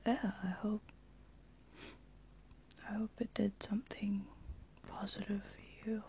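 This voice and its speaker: A woman's voice: mid-range voice, little pitch movement, slow pace, dark tone, a little hiss or hum. A young woman, talking casually in a whispered ASMR voice, rambling with lots of fillers. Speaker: channel host.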